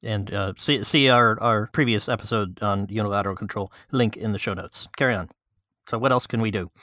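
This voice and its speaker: A man's voice: on the low side, fairly quick, pushed and bright, dry recording. A man co-hosting a casual podcast chat, his voice slightly scratchy, with dry joking remarks. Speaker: podcast co-host.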